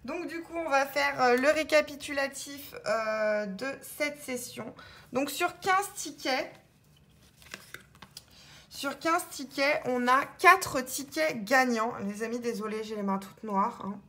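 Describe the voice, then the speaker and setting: A woman's voice: sits high, takes it slowly, pushed and bright, slight background noise. A woman vlogging as she scratches lottery tickets, chatting casually and calling out the letters as she goes. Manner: chatty, thinks aloud, spells out letters.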